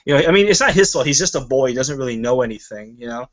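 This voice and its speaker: A man's voice: mid-range voice, lively intonation, quick pace, crowd noise. A man hosting a casual review chat, rambling and swearing freely as he goes. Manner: rambling and profane. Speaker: show host. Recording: muffled lo-fi recording.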